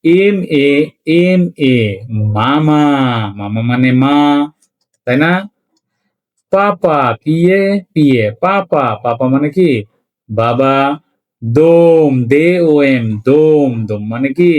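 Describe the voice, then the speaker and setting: A man teaching a beginner language lesson, slowly spelling out words letter by letter and often checking in with his listeners. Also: a little high, expressive, darkish tone. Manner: slow, repetitive spelling out letter by letter.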